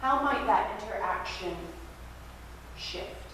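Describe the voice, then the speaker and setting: A woman pastor preaching a sermon at a pulpit microphone in a church sanctuary, in a gentle, reflective way that invites listeners to practice. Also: medium pitch, animated, slow pace. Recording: very echoey church hall, distant mic, faint hiss.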